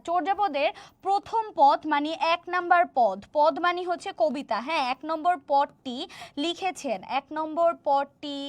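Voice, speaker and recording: A high-pitched young woman, running an exam-prep lesson. She stretches out key terms and repeats each answer twice. She drops English words into her explanations and checks in with "right?" as she goes. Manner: mixes in English words, asks students "right?"; encouraging, motivational asides. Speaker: admission test tutor. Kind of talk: online exam-prep class.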